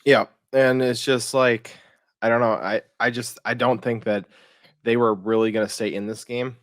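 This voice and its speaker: A man's voice: mid-range voice, steady tone, moderate pace, a bit bright, no echo, studio quality. A man co-hosting a sports podcast, laid-back and hesitant, with frequent fillers. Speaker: podcast co-host. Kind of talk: casual sports talk.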